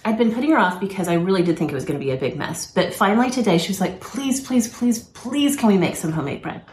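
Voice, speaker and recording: In an echoey room, another podcast co-host chats casually about life at home, quick to laugh and to make fun of herself. Her mid-range voice is animated and fast.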